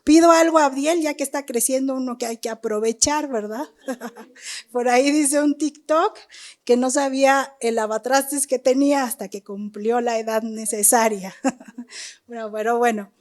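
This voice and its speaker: A woman's voice: on the high side, normal speed. A woman preaching a sermon, reading verses with emphasis and asking the congregation questions. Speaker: church preacher.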